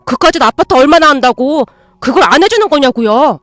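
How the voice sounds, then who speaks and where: A woman's voice: high voice, lively intonation, brisk, dry recording. A woman voicing a pushy young adult son who argues with his stepmother and demands her property, in a combative, whiny voice over faint background music. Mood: demanding.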